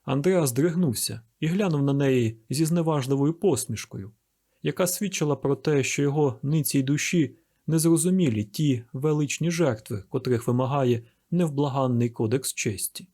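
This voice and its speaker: A man's voice: medium pitch, moderate pace, mellow. A man narrating an audiobook of a classic novel with a vivid, dramatic reading. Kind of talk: scripted narration.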